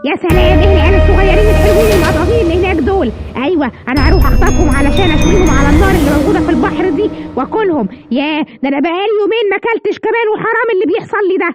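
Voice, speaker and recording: A hungry cartoon villain shark brags loudly about what he'll do, as an Egyptian woman puts him on. The delivery is quick and high for a brute. Music plays under the voice. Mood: gloating. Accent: Egyptian Arabic. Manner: loud gloating threats. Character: hungry villainous male shark, greedy and boastful. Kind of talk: children's bedtime cartoon story.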